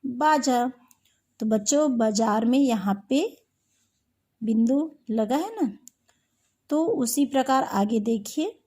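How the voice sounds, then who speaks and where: A high-pitched woman teaches young children at an unhurried pace, in a recorded class lesson. Her voice is soft and mellow, and she keeps asking questions and then answering them herself, patiently. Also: slightly rough.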